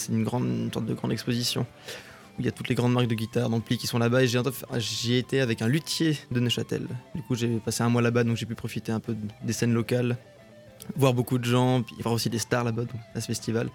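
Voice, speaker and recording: A male guitarist answering a host's questions. He talks fast and chatty, in a gravelly voice with a flat pitch. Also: faint music behind. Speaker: guitarist guest. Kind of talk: casual interview answers.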